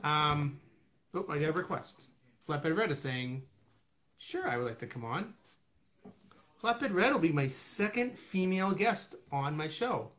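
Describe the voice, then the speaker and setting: Husky guy in his 40s chatting on a phone live stream at home, asks a ton of questions. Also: on the high side, lively intonation, unhurried, long pauses, a bit bright. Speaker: host of an online live chat. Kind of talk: casual live-stream chat. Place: home room, indoors. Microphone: phone at arm's length.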